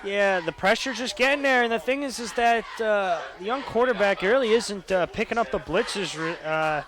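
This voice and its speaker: Student color analyst, young man, high-pitched, explains plays loosely with fillers, outdoors at a stadium. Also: normal speed, crowd noise, poor audio. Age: young adult. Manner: analytical, many fillers like "uh" and "you know". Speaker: color commentator. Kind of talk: college football analysis.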